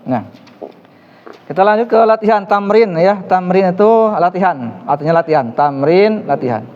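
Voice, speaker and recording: A man's voice: sits high, normal speed. A man teaching an Arabic class, encouraging his students and praising often. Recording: lo-fi, reverberant room.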